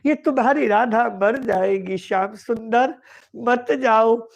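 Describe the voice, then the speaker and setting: A man's voice: very high voice, slow, creaky, full character voice. A male preacher voicing a lovesick young divine woman who begs her beloved to stay, repeating her pleas tearfully. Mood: pleading. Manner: tearful, repeats pleading words over and over. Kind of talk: devotional storytelling.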